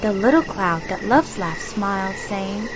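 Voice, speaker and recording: Animated woman reading a children's story. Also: mid-range voice, measured pace. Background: background music.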